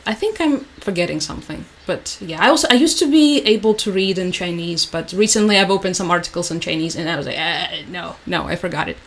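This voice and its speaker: A young Russian-speaking livestream host chats away quickly with few pauses, rambling through fillers and restarts in a casual stream conversation. Her voice is fairly low, expressive, and a bit bright.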